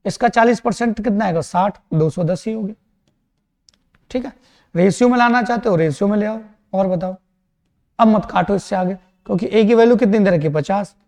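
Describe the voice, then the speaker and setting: High-voiced man teaching a brisk math lesson. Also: warm tone, big-room sound. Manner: brisk, reassuring, often checks in with students. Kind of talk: exam-prep math lesson.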